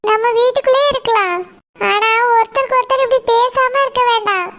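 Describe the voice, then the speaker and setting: A pleading young cartoon wife with a very high, piping voice, played by a voice actor. She presses on gently, asking to be heard, over a loud hissing background noise. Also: a little fast. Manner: pleading, softly insistent. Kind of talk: cartoon voice acting.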